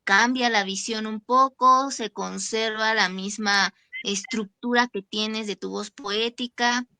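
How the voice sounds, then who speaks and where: A woman's voice: fairly high pitch, fairly even intonation, slow pace, bright, forceful tone, no echo. A woman hosting an interview, putting several questions to her guest one after another with brief hums between them. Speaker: host.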